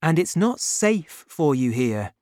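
A woman's voice: sits low, big pitch swings, takes it slowly, a little mellow, no room sound, full character voice. A woman reading the lines of a brave young male guardsman in an urgent, earnest way, close to her own voice.

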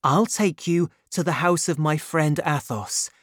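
A woman's voice: low-pitched, measured pace, no room sound. A woman reading the lines of a brave young male guardsman in an urgent, earnest way, close to her own voice.

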